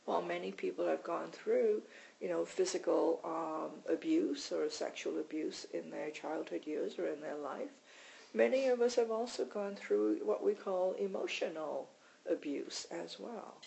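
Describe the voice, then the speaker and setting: Woman teaching a mindfulness class, chatty, lowish gravelly voice, keeps tacking on questions. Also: unhurried, mellow, low-quality recording. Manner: conversational, repeats words and adds tag questions. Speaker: meditation teacher. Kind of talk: informal teaching talk.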